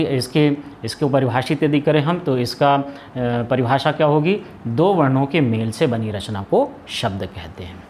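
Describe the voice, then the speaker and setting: This Hindi grammar lesson is taught in a classroom by a man who goes step by step, asking questions only to answer them himself, with frequent hesitations and restarts. His voice is mid-range, with a little hiss or hum in the recording.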